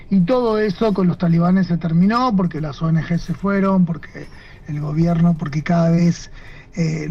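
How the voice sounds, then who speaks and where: Higher-pitched man, hesitant and thoughtful. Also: mellow. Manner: thoughtful, hesitant, many fillers and restarts. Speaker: guest photojournalist. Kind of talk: remote interview answers. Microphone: video call.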